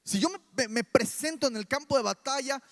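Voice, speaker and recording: A man with a Mexican Spanish accent preaching a sermon in church, animated and full of rhetorical questions. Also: very high-pitched, fairly quick, background noise.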